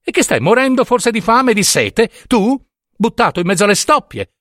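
A man's voice: on the high side, big pitch swings, normal speed, breathy edge, no room sound, clean studio sound, voice pushed up, exaggerated voice. Man playing a breathless flustered husband, raised voice, exasperated, audiobook story. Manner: panting, pleading then exasperated.

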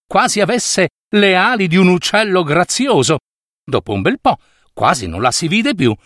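A man's voice: sits high, a bit bright, no room sound, studio quality. A man narrating a fairy tale in a theatrical way with playful asides. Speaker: storyteller. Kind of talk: expressive storybook narration.

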